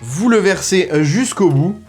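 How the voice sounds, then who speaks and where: A man's voice: sits high, animated, a little slow, a little mellow. A man hosting a comedic cocktail tutorial, talking straight to the viewer in crude, ironic, mock-serious patter. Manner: addresses viewer directly. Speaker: host.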